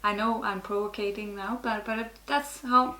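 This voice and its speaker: A middle-aged Norwegian woman, a network marketer, speaks English with a Norwegian accent as a guest in a casual interview, frank and often restarting her sentences. Her medium-pitched voice is bright and forceful, with fairly even intonation and a moderate pace, in a roomy-sounding space.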